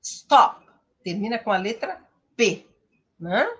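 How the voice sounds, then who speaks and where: A woman from Brazil teaching English pronunciation in an online lesson, slow and explanatory, often adding a questioning "né?". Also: mid-range voice, big pitch swings, fairly bright tone, breathy edge.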